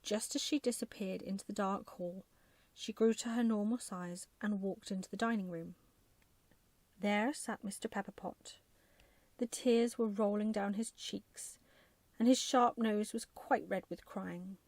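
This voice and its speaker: Soft, creaky woman reading a bedtime story. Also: medium pitch, fairly even intonation, unhurried, dry recording. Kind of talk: soft ASMR scripted storytelling.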